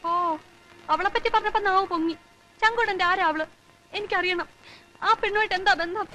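A hurt young dancer girl, bitter and reproachful, bright sharp voice. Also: extremely high pitch, brisk, faint music behind, rough recording. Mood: angry. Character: young woman dancer, proud and wounded. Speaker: film character. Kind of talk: 1990s film acting.

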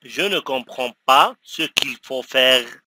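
A man teaching, saying each short phrase twice slowly and clearly for learners to repeat. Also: medium pitch, expressive, sharp tone, no echo, clean studio sound. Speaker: language teacher. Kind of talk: slow phrase-by-phrase pronunciation drill.

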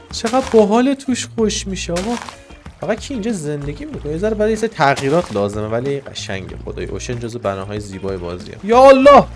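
A man giving excitable, joking commentary over a game, shouting and trash-talking the monsters. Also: a little high. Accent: Iranian Persian. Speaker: gaming YouTuber. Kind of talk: Minecraft let's-play commentary.

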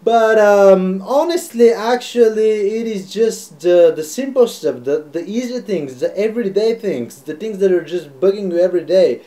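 A young man from Bulgaria talking reflectively to his webcam in a small room, animated and repeating phrases for emphasis. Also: high voice, normal speed, few pauses. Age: young adult. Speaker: video creator. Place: small bright room indoors. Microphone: webcam at close range, filmed from below.

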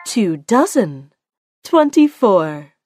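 A woman working as a bingo caller, announcing each call deliberately in short, separate phrases. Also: medium pitch, big pitch swings. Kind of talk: bingo calling with rhyming nicknames, announced number by number. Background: music.

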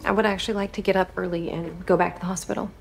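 An actress in her thirties playing a tender, tired mother in a naturalistic film drama, speaking softly. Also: on the low side, flat delivery, rapid-fire, a little hiss or hum. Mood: friendly, tired. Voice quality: soft, breathy hush. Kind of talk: naturalistic screen acting. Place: rooms of a house.

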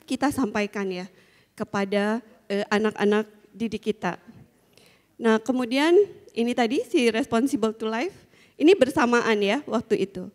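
A middle-aged woman speaks to a conference audience through a handheld microphone, her voice fairly high. She tells her stories in a loose, chatty way, full of fillers and little laughs. The sound carries a long reverb from a large hall. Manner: chatty storytelling with frequent fillers and small laughs. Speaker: school founder giving a conference talk. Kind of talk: conference talk.

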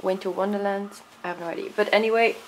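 A woman's voice: medium pitch, fairly even intonation, quick pace, a little hiss or hum, rough recording. A young woman in casual vlog chat, walking outdoors in a city and talking to a handheld camera, upbeat and chatty with French words mixed in. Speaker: vlogger. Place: walking outdoors on city streets and in a small café. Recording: loud street ambience.

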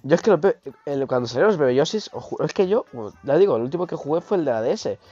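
An excitable man streams live gameplay, his voice hoarse from a cold. His pitch bounces widely as he swears and yelps at the game. The dull, lo-fi audio carries faint game music underneath. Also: quick pace.

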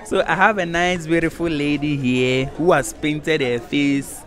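A street interviewer with a slightly high voice keeps a steady tone and a somewhat slow pace. The young Ghanaian host, accent to match, teases contestants in a playful campus quiz on a night-time outdoor rooftop terrace, laughing frequently and slipping into Pidgin through a handheld mic.

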